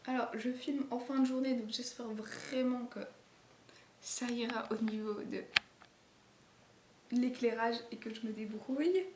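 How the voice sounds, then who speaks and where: A sewing vlogger with a non-native French accent chats casually about garments she made, filling her talk with fillers and restarts. Her fairly high voice stays fairly even, unhurried, and broken by long pauses. She films indoors at home late in the day, in an echoey room with faint noise.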